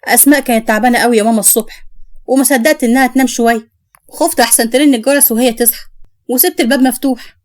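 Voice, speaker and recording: A woman voicing a dutiful young husband caught between his mother and his wife, speaking gently and pleadingly in an Egyptian accent. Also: a little high, steady tone, rapid-fire, close to an everyday voice.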